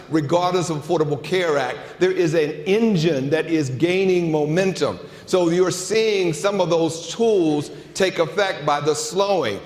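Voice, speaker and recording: A man's voice: fairly high pitch, a little mellow. A man giving an emphatic conference keynote in a large hall, repeating phrases for effect and asking rhetorical questions. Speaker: keynote speaker. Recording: echoey hall, long reverb.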